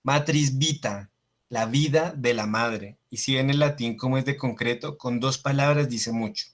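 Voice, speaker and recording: A man teaching a Latin class over slides, repeating each Latin phrase slowly and often checking with his students. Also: mid-range voice. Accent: Latin American Spanish. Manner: slow, deliberate, frequent checking questions ("¿sí?").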